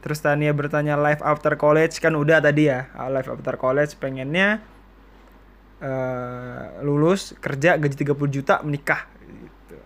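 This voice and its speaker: A young man from East Kalimantan talks through a casual solo podcast, trading stories and answering listener questions with a joking, chatty manner. His voice sits a little high for a man. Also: normal speed. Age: 20s. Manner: chatty, joking, quotes people in lively voices. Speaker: podcast host.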